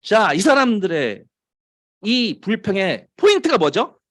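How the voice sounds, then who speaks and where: A Korean man preaching a sermon as pastor, rising to emphatic lines and dropping to low, quiet asides, stretching out key phrases. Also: very animated, measured pace.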